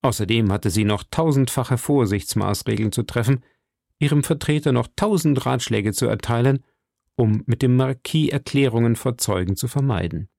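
A male audiobook narrator reads in a steady, formal way, his voice carrying a gravelly grain at mid pitch. The sound is dry and close to the mic, with no room echo. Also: normal speed. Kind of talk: scripted narration of a classic novel.

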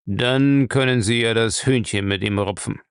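Gruff, terse old master, low and gravelly, read by a man, dry sound. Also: normal speed, no echo, lightly acted. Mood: curt. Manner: grumbling, curt. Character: gruff old male castle lord, cold.

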